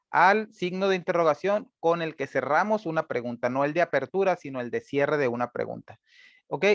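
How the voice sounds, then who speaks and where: Male instructor, patient step-by-step explainer with lots of "eh", slightly high voice. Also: dry recording, dull audio. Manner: patient and step-by-step, frequent "eh" and "¿verdad?" tags. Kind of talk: screen-recorded programming lesson.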